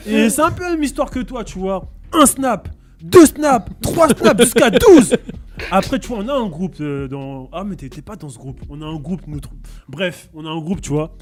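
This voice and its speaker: A man tells friends a story in a casual chat, acting out the people in it with lively swings in pitch. His voice sits high for a man. Faint music plays behind him. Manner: lively, acts out quoted lines.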